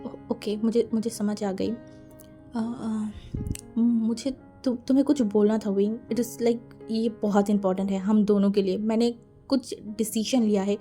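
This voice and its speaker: Brief: serious, withdrawn young man, read by a woman, low-key and hushed. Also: fairly even intonation, a little slow, faint music behind, close to an everyday voice. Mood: grave. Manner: quiet, grave, hesitant. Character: serious reserved young husband.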